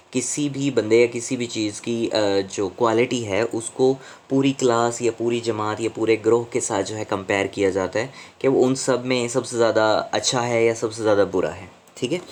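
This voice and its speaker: A man teaching English grammar from slides, explaining slowly and deliberately in Hindi mixed with English phrases. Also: mid-range voice, slight background noise. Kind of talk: slide-based grammar lesson.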